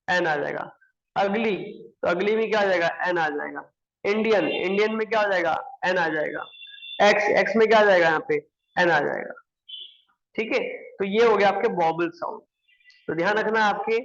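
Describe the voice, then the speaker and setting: A man's voice: high-pitched, fairly bright tone, dull audio. A man teaching English grammar, explaining step by step and answering his own questions. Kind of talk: classroom explanation.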